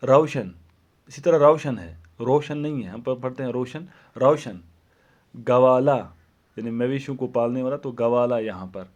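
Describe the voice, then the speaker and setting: A man gives a grammar lesson at an even, middling pitch. He talks slowly and deliberately, saying each example word twice so it sinks in. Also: lo-fi sound. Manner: slow, deliberate, repeats example words. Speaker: Urdu teacher.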